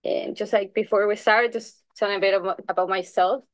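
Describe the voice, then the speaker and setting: A woman's voice: mid-range voice, fairly even intonation, brisk, no room sound. Chilean woman giving a casual research talk, dry sound. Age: young adult. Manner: casual, many fillers like "like" and "um". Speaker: visiting PhD researcher presenting a talk. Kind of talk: research presentation.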